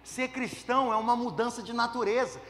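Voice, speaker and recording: A man's voice: very high-pitched, steady tone, brisk, a bit bright, long reverb tail, a little hiss or hum. A man, a pastor preaching a conversational sermon full of rhetorical questions and humor. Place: church.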